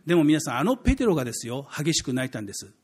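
A man's voice: fairly high pitch, very animated, racing, breathy edge. A man preaching a conversational sermon as a pastor. He asks the congregation questions and acts out the quoted speech of the people in his story.

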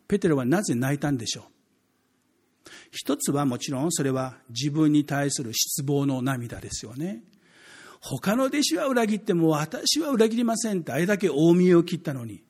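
Husky-voiced man preaching a lively sermon. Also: fairly high pitch. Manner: conversational, asks the congregation questions; acts out quoted speech in lively voices. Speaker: pastor.

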